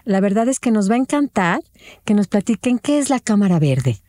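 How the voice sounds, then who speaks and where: Chatty Mexican woman hosting, mellow voice. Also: mid-range voice, sing-song, fairly quick, no room sound, clean studio sound. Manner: chatty, friendly, easy asides. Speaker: host. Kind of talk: hosting a talk show interview.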